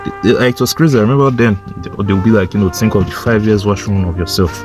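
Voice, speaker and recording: A man's voice: on the low side, steady tone, fast talker, over music. A man in his twenties giving young viewers a casual, blunt motivational talk, swearing and saying "like" and "bro" a lot and repeating his points to drive them home. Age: 20s. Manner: insistent, repeats points for emphasis. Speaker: motivational YouTuber.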